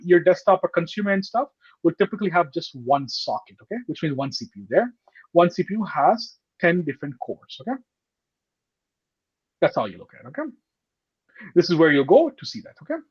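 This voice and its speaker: Guy teaching a computer class over a video call, kinda dull laptop audio, slightly husky, keeps going "okay?". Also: fairly high pitch. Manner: explains step by step, often checking in with "okay?" and "right?". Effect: heard over a video call. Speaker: computer course instructor. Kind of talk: live online class lecture. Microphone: laptop or headset mic on a video call.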